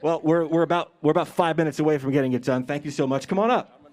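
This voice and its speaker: Outdoors, a man hosts a live-stream show before a ceremony, interviewing graduates with energetic, joking questions that he often repeats. His voice runs on the high side at a quick pace.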